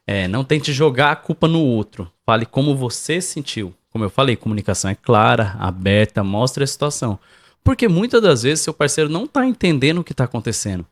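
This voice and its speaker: A man's voice: medium pitch, expressive, fairly quick. A man co-hosting a podcast, giving marriage advice in a didactic way and speaking straight to the listeners. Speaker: podcast co-host. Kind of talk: casual advice chat.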